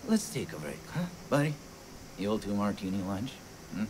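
A man's voice: fairly low pitch, very animated, a little slow, noisy background. An actor with an American accent playing a sadistic, chatty video game madman, glib, drawling and mock-friendly. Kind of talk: video game character acting.

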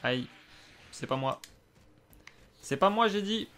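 A man's voice: high-pitched, animated, slow, fairly bright tone, slight background noise. French gamer commenting his play, casual. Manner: casual, swearing, frequent hesitations and sudden exclamations. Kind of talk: live gameplay commentary.

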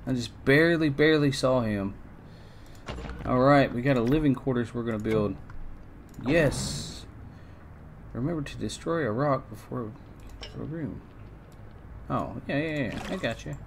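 A man giving casual let's-play commentary, chatting to his game characters and breaking into excited outbursts. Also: mid-range voice, moderate pace, creaky, noisy background. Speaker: gameplay streamer. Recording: faint game music behind.

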